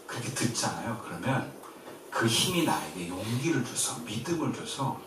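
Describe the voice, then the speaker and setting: A Korean man preaching in a very echoey church, picked up from a distance with faint ambience behind him. His voice moves lively up and down, from emphatic declarations to hushed, gentle words of comfort. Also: medium pitch, normal speed, noisy background. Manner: lively, shifts between loud and soft, quiet gentle quoted comfort. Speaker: pastor. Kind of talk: sermon. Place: church sanctuary.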